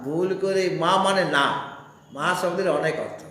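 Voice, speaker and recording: A man teaching a scripture class in a spiritual society hall, explaining slowly and putting rhetorical questions to his listeners. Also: sits high, fairly bright tone. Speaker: Vedanta teacher. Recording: heavy echo in a hall.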